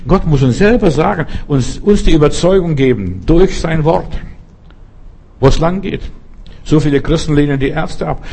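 A man's voice: medium pitch, darkish tone, breathy edge. A man preaching a sermon in an earnest, direct way, speaking straight to each listener.

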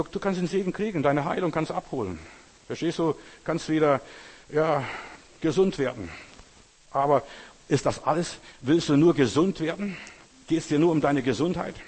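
A man preaching a sermon, asking his listeners direct questions and swinging between quiet stress and loud raised lines. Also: medium pitch, slightly rough. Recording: long hall reverb.

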